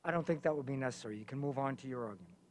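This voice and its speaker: A man's voice: mid-range voice, racing, a little mellow. A man speaking as presiding judge, formally running court proceedings.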